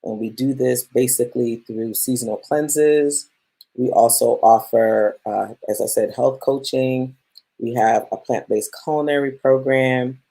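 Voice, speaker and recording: A woman's voice: very deep voice, measured pace, mellow, slightly rough. A woman from Guyana who grew up in Brooklyn, a plant-based chef and health coach, hosting a live-streamed masterclass in an upbeat, chatty way and greeting viewers by name. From Guyana, raised in Brooklyn.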